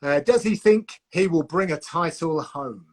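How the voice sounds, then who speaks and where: A man's voice: on the high side, a little slow. A man hosting a live-stream interview, asking questions casually with a teasing, jokey manner.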